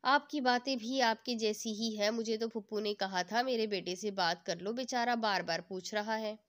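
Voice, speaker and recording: A woman's voice: on the high side, normal speed, fairly bright tone, lightly acted. A woman reading the lines of an affectionate, easily upset young wife. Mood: pouting, emotional. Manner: pouting, emotional.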